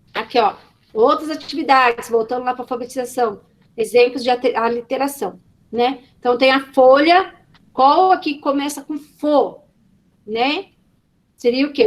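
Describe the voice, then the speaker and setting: High-voiced woman teaching an online class. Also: fairly bright tone. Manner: explanatory, checks in often with "né?" and "tá?".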